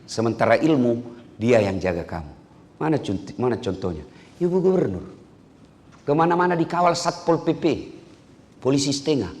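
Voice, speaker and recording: A man preaching a humorous sermon to an audience, acting out stories with shouted voices. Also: mid-range voice, normal speed, pauses often. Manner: lively, joking, acts out stories with shouted voices. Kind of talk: humorous sermon to civil servants. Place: hall with an audience. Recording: echoey hall.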